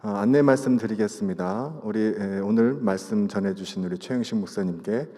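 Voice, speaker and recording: Low, dark-voiced man over a PA. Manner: halting, with many filler sounds. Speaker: chapel service leader giving announcements. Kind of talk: announcements at a chapel service. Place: chapel hall. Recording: long reverb of a chapel hall.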